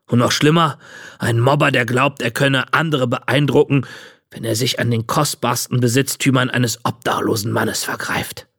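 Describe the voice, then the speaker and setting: A man reading the part of a gruff, bearded old homeless man who accuses a boy. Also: medium pitch, fairly even intonation, normal speed, fairly bright tone. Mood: accusing.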